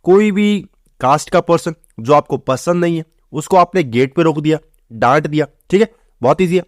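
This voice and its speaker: A man preps students for an exam by teaching English vocabulary in a chatty style, repeatedly saying "theek hai" and "bahut easy hai" to stress how easy the words are. His voice is on the high side and he speaks at normal speed, in clean studio sound with no room noise.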